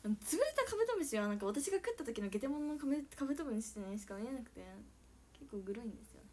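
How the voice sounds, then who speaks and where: A young woman from Okayama with an Okayama accent, chatting casually on a live stream and reading out comments, swinging between squealing shouts, giggles and soft whispers. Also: fairly high pitch, sing-song, rapid-fire. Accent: Okayama Japanese. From Okayama, Japan.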